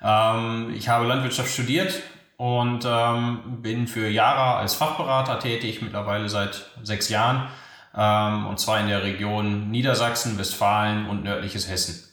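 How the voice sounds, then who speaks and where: A man's voice: on the low side, level tone, measured pace, fairly bright tone. A man working as an agricultural advisor, introducing himself casually with many fillers. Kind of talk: podcast interview. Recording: very echoey room.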